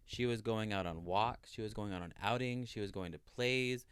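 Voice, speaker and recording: A man in his thirties chats casually on a podcast in a low, smooth voice. He tells stories earnestly, with plenty of fillers. The sound is close and dry. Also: moderate pace, dry recording. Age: 30s. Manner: chatty, earnest storyteller with many fillers. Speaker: podcast co-host. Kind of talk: casual chat.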